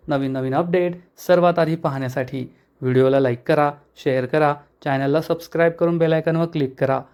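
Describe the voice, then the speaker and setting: A man narrating a recap of a television serial episode in a steady storytelling read. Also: on the high side, clear, resonant tone.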